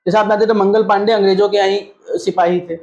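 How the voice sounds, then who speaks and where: A quick-paced man with a high, steady, darkish voice delivers a lesson like a classroom lecture, asking and answering his own questions. English terms pepper his Hindi, and the echoey room dulls the sound a bit.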